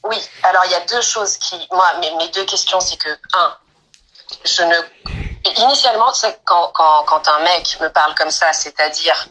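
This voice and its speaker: A woman's voice: lowish voice, measured pace, pushed and bright, low-quality recording. A woman calling in for dating advice, speaking hesitantly with many fillers. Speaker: caller seeking advice.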